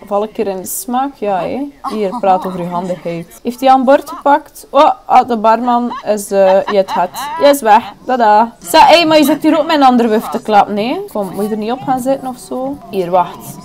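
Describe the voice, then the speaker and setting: Woman, Flemish accent, fairly high voice, casual let's-play commentary, chatty, excitable. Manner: chatty, excitable, frequent exclamations. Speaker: gaming YouTuber.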